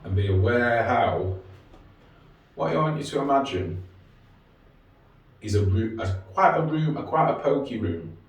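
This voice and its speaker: A man leading a calm, informal grounding exercise in a casual way, often checking in with short questions. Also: mid-range voice, measured pace, long pauses. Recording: distant, very echoey room with faint noise.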